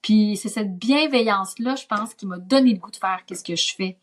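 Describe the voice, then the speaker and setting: A woman guest and actress from Gaspésie, speaking with a softened Gaspésie French accent in a lively, chatty conversation full of asides. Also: mid-range voice, normal speed. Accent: Gaspésie French, softened toward standard Quebec French. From Gaspésie, Quebec. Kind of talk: casual podcast conversation.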